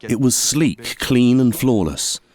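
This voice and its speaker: A man's voice: medium pitch, animated, takes it slowly, a little mellow. A man giving plain, explanatory commentary as a diver and observer in a nature documentary.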